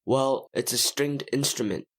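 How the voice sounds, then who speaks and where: A woman's voice: extremely low pitch, unhurried, slightly rough, full character voice. A woman voicing a friendly American schoolboy in a scripted textbook audio dialogue, giving plain, simple answers. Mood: matter-of-fact. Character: friendly American schoolboy telling about his banjo.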